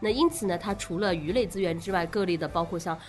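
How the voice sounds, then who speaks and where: A woman's voice: lowish voice, fast talker, faint music behind. A woman speaking as an interview guest, explaining things casually step by step. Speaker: guest, association president.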